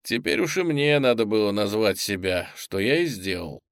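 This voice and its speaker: A man reading a first-person story aloud in an expressive storytelling manner. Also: lowish voice, moderate pace, no echo, studio quality. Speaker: audiobook narrator. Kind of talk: scripted first-person narration.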